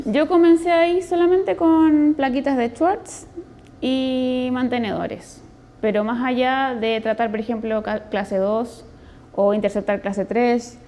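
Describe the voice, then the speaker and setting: A woman dentist with a Chilean accent gives an earnest testimonial. Her voice sits a little high and sounds warm and mellow. She talks in a conversational, explanatory way. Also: steady tone, slow pace. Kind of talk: testimonial interview.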